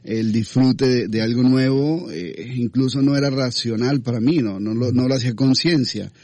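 A man from Colombia, sharing his faith testimony in an interview, halting and repeating words as he goes. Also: mid-range voice, dark tone, dry recording. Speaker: guest.

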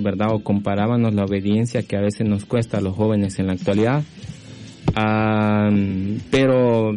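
A man's voice: fairly low pitch, a little mellow. A young man from Guatemala hosting a religious youth radio program, talking casually and often checking in with his listeners. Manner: friendly, keeps adding tag questions. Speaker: radio host.

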